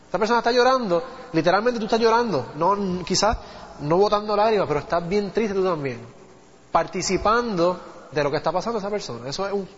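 A man's voice: high voice, a little hiss or hum. A man preaching a sermon, teaching from the Bible in a conversational way and often turning to his listeners with questions. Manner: conversational Bible teaching, asks the congregation "¿viste?". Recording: dull audio with long hall reverb.

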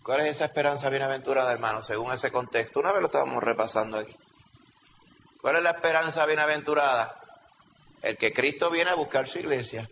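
Bright-voiced preaching pastor in a hall. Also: male voice, medium pitch, fast, vocal fry. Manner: emphatic teaching, frequent checking questions to the congregation. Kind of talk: sermon. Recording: reverberant hall, slightly dull sound, faint background hum.

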